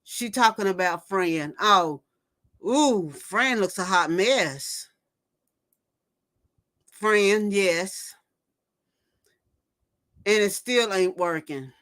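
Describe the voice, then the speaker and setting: Speaking extremely slowly with long pauses, this fifties-aged woman has a medium-pitched, slightly bright voice with lively intonation. She's hosting a relaxed livestream, trading gossip and reading out viewers' comments before responding.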